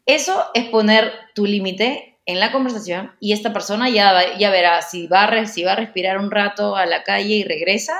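A woman's voice: medium pitch, moderate pace, few pauses, fairly bright tone, roomy sound. A woman giving relationship advice in a casual, explanatory way, often repeating words as she thinks.

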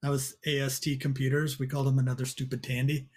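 A man's voice: medium pitch, level tone, fast, breathy edge. A man co-hosting a podcast in a casual comic chat, with a wry, teasing manner. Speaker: podcast co-host.

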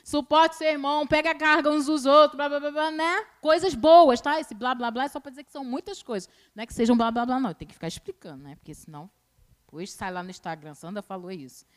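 Brazilian woman preacher, high voice, chatty colloquial sermon, teasing, loud then hushed, church service. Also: quick pace.

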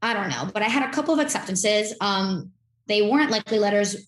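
A woman's voice: mid-range voice, fast talker. Chatty young woman in echoey room. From Miami, Florida. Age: young adult. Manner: rambling, filler-heavy, chatty. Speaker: guest, incoming podcast host. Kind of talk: casual interview chat.

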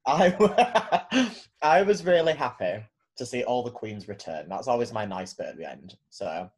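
A man's voice: mid-range voice, expressive, unhurried. A man with a campy drag queen manner, chatting casually as a guest on a podcast.

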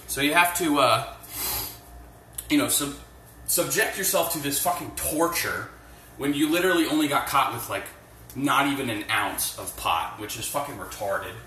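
A man's voice: mid-range voice, normal speed, bright, forceful tone, distant mic, slight background noise. Man ranting into a phone in an echoey room. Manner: profane and blunt, with many fillers. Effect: echoey room sound. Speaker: podcast host. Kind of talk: casual rambling rant. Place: home, doing chores by the sink. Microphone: phone without headset.

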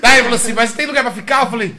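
A man's voice: very high-pitched, very fast, very noisy. A man, a podcast guest telling a story in casual chat and laughing as he acts out the voices of the people in it. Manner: laughing, acting out quoted dialogue.

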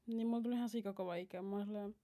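A woman's voice: medium pitch, steady tone, warm tone. A young woman co-hosting a podcast with her twin, chatting casually, teasing and laughing, and mixing in English phrases. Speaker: podcast co-host. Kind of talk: casual chat.

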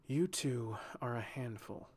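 A man's voice: medium pitch, a little slow, a little mellow, breathy edge. A man voicing a curt young woman Talia. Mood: dry, curt. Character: young woman Talia, terse, sharp-tongued guardian.

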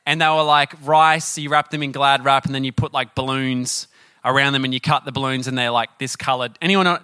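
A middle-aged man preaching a sermon, telling personal stories in a chatty, animated way and often asking the audience questions. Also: medium pitch, fairly quick, clean tone, dry recording. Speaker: pastor.

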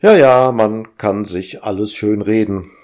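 A man's voice: on the low side, a little slow, a little mellow, lightly acted. Man reading as a weary, sarcastic husband. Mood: dry sarcastic. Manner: dry and sarcastic.

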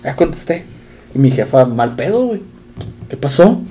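A man's voice: medium pitch, sing-song, a little fast, noisy background. A man with a Mexican Spanish accent hosting a casual podcast, speaking in slangy chat. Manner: slangy, says güey constantly. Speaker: podcast host.

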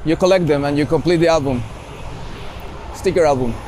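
A man from Chile with a Chilean Spanish accent, answering interview questions in a relaxed way and sometimes searching for English words. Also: on the high side, a little fast, a little hiss or hum. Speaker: startup founder, interview guest. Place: outdoors in a city with traffic nearby.

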